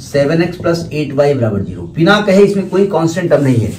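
A man's voice: a little high, very animated, fast, a little mellow. Man teaching math in an echoey room. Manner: explains step by step, repeats terms, asks the class questions. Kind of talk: classroom lecture. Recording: echoey room from far off, faint noise.

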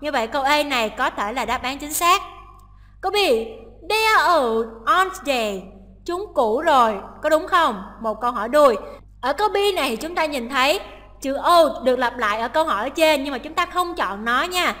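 A woman teacher with a high, ringing voice walks through a listening test. She reads each English sentence and then breaks it down step by step, and a long reverb hangs after her words. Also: expressive, normal speed, bright, forceful tone. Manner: explains each option, translating English lines aloud.

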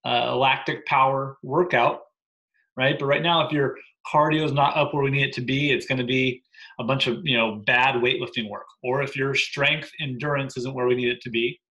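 A gym programming coach in his thirties briefs gym owners from his living room via laptop webcam. He's emphatic and energetic, often tossing in "right?" asides, speaking at medium pitch and a moderate pace. The recording sounds muffled.

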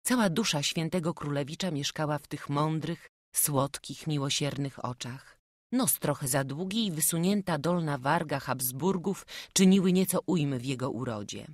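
A woman reading a classic children's novel aloud in calm, measured narration. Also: low-pitched, no echo. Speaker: audiobook narrator. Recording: dry close studio voice.

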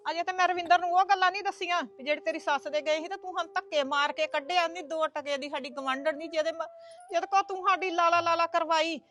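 A woman's voice: very high voice, steady tone, quick pace, a bit bright. A woman playing a mother who scolds her daughter, in a reproachful manner. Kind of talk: Punjabi family drama acting.

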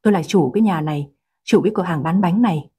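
A woman reading the lines of a calm young man who owns a bakery, in her own soft, breathy voice. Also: fairly low pitch, fast. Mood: annoyed.

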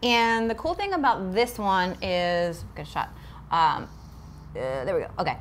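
A woman's voice: lowish voice, expressive, a little slow, a little hiss or hum. A woman co-hosting a casual livestream, chatty and upbeat with lots of fillers while she demonstrates. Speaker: co-host of a livestream. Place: aquarium studio.

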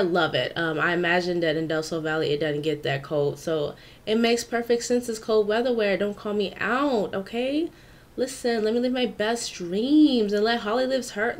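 A woman recording a casual voiceover at home, hyper and playful, calling her viewers "honey" and swinging between loud squeals and low mutters. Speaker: YouTuber narrating a game makeover.

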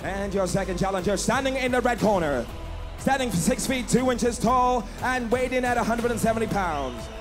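A man in his thirties announcing fighters as a boxing ring announcer, booming and theatrical, drawing out the names over an arena PA. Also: expressive. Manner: booming, theatrical, drawn-out name calls. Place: large indoor fight arena, in the cage. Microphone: handheld microphone over arena PA. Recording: echoey arena PA, crowd and music.

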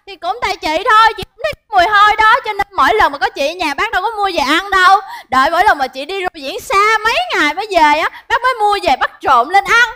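Comedy sketch: a cheeky young helper, very high, bright, know-it-all. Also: female voice, fast, few pauses. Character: cheeky young woman helper caring for the mother.

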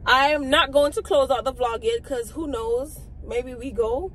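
A woman's voice: high-pitched, unhurried, fairly bright tone, rough recording. Young adult woman, casual vlogger, talking to viewers from a car, faint road noise. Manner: chatty and informal, addresses viewers as y'all. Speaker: vlogger and new graduate nurse. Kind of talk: casual vlog chat.

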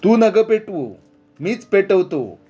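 Brief: male narrator as hot-headed rural washerman, raised pitch, shouting. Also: fairly even intonation, fast talker, dull audio, close to an everyday voice. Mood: angry. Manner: shouting, defiant rural speech.

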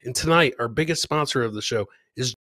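A middle-aged man hosts a live comedy show from an indoor home studio by webcam, casually commenting on clips, chatting with viewers, and joking while repeating his phrases. His voice is medium-pitched with a sharp tone and brisk delivery, and there's no echo.

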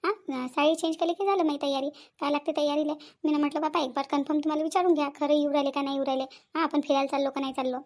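A woman voicing complaining rural women of a joint family in a cartoon, with a Vidarbha Marathi accent and a quick, chattering manner. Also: sits high, fairly even intonation, darkish tone. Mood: doubtful. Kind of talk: cartoon voice acting.

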